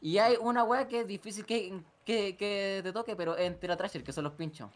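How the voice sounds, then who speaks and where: A young man with a Chilean accent streaming a game, teasing his friends with quick, crude banter. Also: sits high. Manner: teasing, laughing, swearing. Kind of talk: casual gaming banter.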